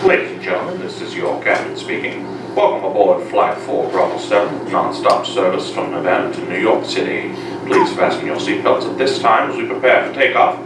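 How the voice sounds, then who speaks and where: A man voices an airline captain on the intercom, speaking low and in a formal announcer cadence. The voice carries from a distance through a roomy, echoing theater. Loud ambient noise sits under every word. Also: expressive, brisk. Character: adult male airline captain announcing takeoff. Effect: over the plane's intercom. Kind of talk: stage musical acting. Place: theater stage.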